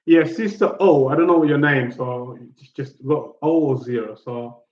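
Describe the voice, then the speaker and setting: A man hosting a live panel stream, speaking in a halting way with many fillers and repeated words. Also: medium pitch. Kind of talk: casual live panel chat. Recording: echoey muffled stream audio.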